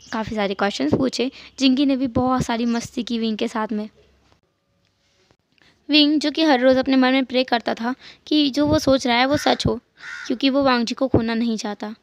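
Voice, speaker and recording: A woman narrating a fan fiction story in a plain, steady retelling manner. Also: high voice.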